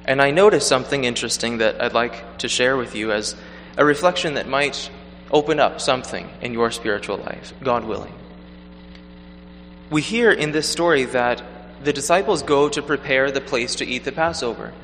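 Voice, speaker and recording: A man reading the gospel and preaching a homily at Mass in a measured, earnest way, his voice ringing with cathedral echo in a large church. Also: mid-range voice, a bit bright. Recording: long church reverb, faint hum.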